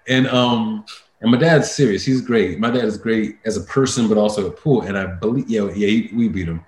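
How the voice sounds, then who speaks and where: A man, a voice-over artist and actor, telling stories as a guest in a casual interview, lively and laughing often, full of fillers and restarts. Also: on the low side, a little fast, echoey room.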